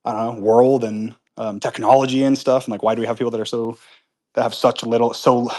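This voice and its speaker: A man of ordinary pitch hosts a live audio chat from home, answering listener comments off the cuff. He talks casually and earnestly, circling back on himself with plenty of fillers and restarts. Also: flat delivery, a little fast, dark tone. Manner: rambling, with many restarts and fillers; upbeat and earnest when disagreeing. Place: at home with pets nearby.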